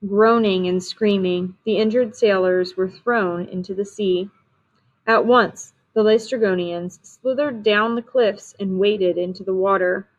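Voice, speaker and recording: A woman reads a storybook aloud at an even, steady pace, her voice sitting at a middle pitch. The sound is muffled and lo-fi, lacking crispness. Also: measured pace. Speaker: reader.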